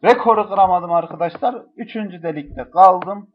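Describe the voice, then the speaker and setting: A man's voice: on the high side, moderate pace, lo-fi sound. Swearing young man ranting at a game. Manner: swearing, exasperated, yelling at the game. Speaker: gamer reviewing a mobile game. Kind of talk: profane comedic game review commentary.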